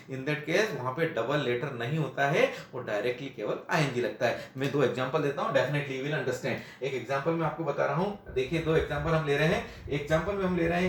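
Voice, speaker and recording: A man's voice: a little high, reverberant, a little hiss or hum. A male teacher explaining grammar at a classroom board. He repeats each point, asks questions and answers them himself, and mixes Hindi with phrases.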